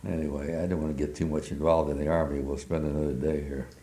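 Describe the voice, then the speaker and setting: An older man with an extremely deep, mellow voice recounts memories in an oral history interview. He speaks haltingly, filling his pauses with many hesitations. The recording is roomy and echoey. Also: little pitch movement. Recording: roomy echo.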